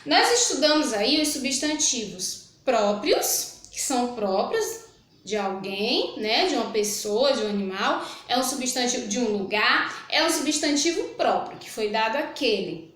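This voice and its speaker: A middle-aged Brazilian woman with a fairly high voice leads a lesson for young children, patient and repetitive, checking in after each point. Her voice rings through a very echoey room with a whiteboard. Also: big pitch swings, measured pace, a bit bright. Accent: Brazilian Portuguese. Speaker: primary school teacher. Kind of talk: recorded remote lesson.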